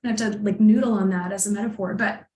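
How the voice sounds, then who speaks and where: A woman coach as a podcast guest, telling personal stories in a chatty, animated way and laughing often. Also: mid-range voice, fast talker. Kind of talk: casual conversation, personal storytelling. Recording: echoey room.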